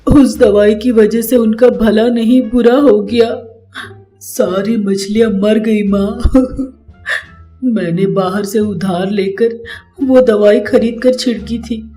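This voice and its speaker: A woman voicing a worried grown son, lowering her voice and sounding pleading. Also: unhurried, warm tone, faint music behind, natural voice. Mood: sobbing.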